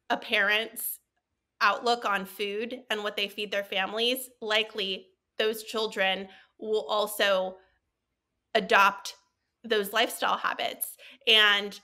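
A woman in her thirties, a guest on a podcast, talking earnestly and warmly about cooking on a budget from her living room over a video call. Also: medium pitch. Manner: earnest, heartfelt, explains step by step. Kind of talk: casual interview chat. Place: bright living room at home. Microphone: headset with handheld mic, video call.

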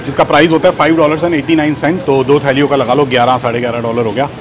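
Filming himself on a phone held at arm's length, a vlogger in his thirties chats casually while shopping in a large supermarket and reads out prices. He talks rapid-fire in a steady, medium-pitched voice over a noisy background.

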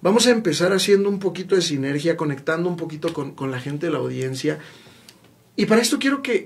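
A man's voice: a little high, gravelly, husky. Effusive Mexican male talk show host. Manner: warm, effusive, repeats "mi queridísimo". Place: small bright TV studio.

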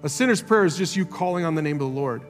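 An earnest man preaching a sermon, his fairly high voice lifting for emphasis and sinking soft and low. The live recording carries a long church-hall reverb, with faint music underneath. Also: animated, fast. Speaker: pastor.

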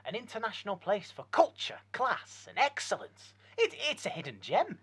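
A man playing a hapless, flustered husband who stammers, with a husky voice. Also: high voice, huge pitch swings, moderate pace, full character voice.

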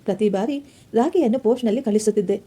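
A spiteful, suspicious sister-in-law from a storybook, asking cold, accusing questions, as a woman narrator reads her. The tone is very dark and mellow. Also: on the high side, fast, breathy edge.

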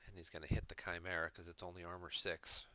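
Deep-voiced man analyzing card game plays. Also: flat delivery, quick pace, pushed and bright. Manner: analytical, explains plays step by step. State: hiccups. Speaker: game reviewer. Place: home room.

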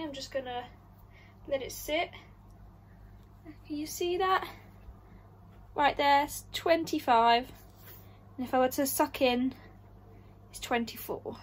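Chatty young woman, slightly high voice. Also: slight background noise. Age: young adult. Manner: chatty, chatty asides. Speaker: fitness vlogger. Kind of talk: casual chat to camera. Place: cluttered bedroom.

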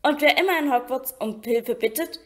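A calm, wise old headmaster, as a woman reads him in an audiobook. He speaks politely, slowly and distinctly, with a lightly raised pitch. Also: lightly acted. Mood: firm, calm.

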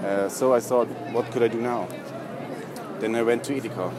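A man's voice: mid-range voice, steady tone, normal speed, a crowd in the background. A young man telling long-winded, pointless stories to passersby, full of fillers and carrying on over interruptions. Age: young adult. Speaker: street prankster. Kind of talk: rambling, deliberately pointless storytelling to passersby. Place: outdoors on a busy city street. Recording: noisy busy street, traffic ambience.

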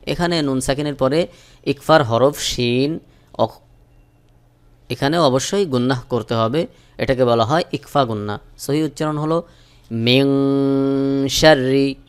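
A man teaching Quran recitation, spelling out each letter slowly and then chanting the verses in long drawn-out tones. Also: mid-range voice, clean tone.

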